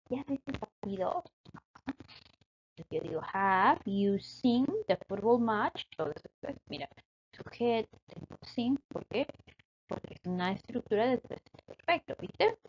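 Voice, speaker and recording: A woman's voice: on the high side, mellow, slightly rough, highs cut off. A woman teaching an English grammar lesson in Spanish, explaining patiently and checking often that her students follow.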